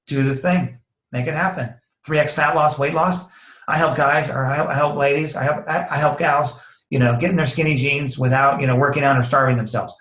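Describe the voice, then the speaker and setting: An energetic man delivers a motivational sales training talk in a casual, slangy way, often acting out the conversations he describes. His voice sits at an ordinary middle pitch. The room around him adds a noticeable echo. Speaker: network marketing trainer. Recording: roomy echo.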